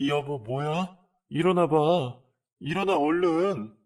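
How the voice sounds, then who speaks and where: A man doing an older mother, high-pitched, emotional, lively swings, slightly gravelly, distant. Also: moderate pace. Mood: alarmed. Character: older mother, newly remarried woman, pleading.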